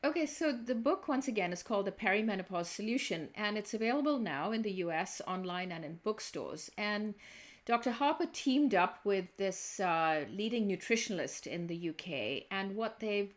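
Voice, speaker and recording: A woman's voice: mid-range voice, lively intonation, moderate pace. A woman hosting a podcast, chatting in an upbeat way and promoting a book. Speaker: podcast host.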